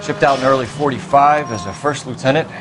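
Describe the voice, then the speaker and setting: An actor playing a stern 1940s Los Angeles beat cop and war veteran, with an American accent and a clipped, guarded, commanding manner. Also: male voice, mid-range voice, fairly quick, background noise, close to an everyday voice. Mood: guarded, terse. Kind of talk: period police drama game acting.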